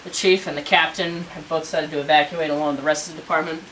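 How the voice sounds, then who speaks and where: An actor playing a stern police lieutenant who gives orders with dry sarcasm. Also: male voice, fairly high pitch, steady tone, fast talker, a bit bright, natural voice. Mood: commanding. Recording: distant mic, noisy with rain.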